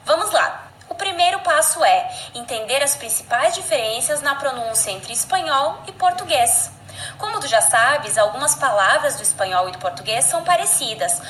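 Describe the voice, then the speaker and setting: A woman teacher giving a scripted language lesson, explaining clearly and speaking directly to the learner. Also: sits high, fairly bright tone, a little hiss or hum. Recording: echoey room.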